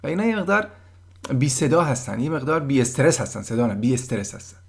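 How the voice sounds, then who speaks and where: A man giving a casual German lesson, patiently explaining words and sounding them out slowly. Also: mid-range voice, very animated, vocal fry. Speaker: German language teacher.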